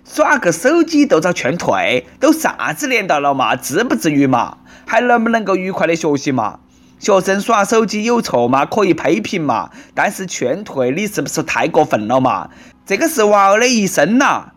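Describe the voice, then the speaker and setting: A man's voice: high voice, big pitch swings, normal speed, fairly bright tone. A man with a Nanchong Sichuanese accent, delivering comic news commentary in a sarcastic, bantering way.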